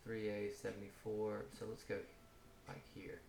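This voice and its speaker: A man's voice: on the low side, level tone, moderate pace, gravelly. A man walking through a coding tutorial in a casual way, thinking aloud and correcting himself as he types. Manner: thinks aloud, self-correcting while typing. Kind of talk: casual screencast coding walkthrough. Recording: roomy home office, audible typing noise. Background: keyboard typing and mouse clicks.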